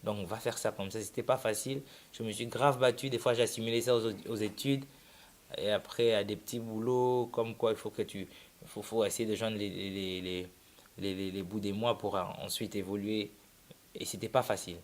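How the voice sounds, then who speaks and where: Speaking at a normal pace in a lowish voice, a young man from Congo-Kinshasa shares his life as a musician during a relaxed interview in French and Lingala. He wanders as he talks and frequently begins sentences again.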